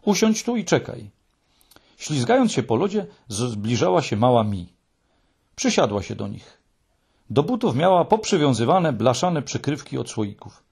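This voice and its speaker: A man reading a children's story aloud in an expressive, measured way. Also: mid-range voice, gravelly, breathy edge. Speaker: audiobook narrator.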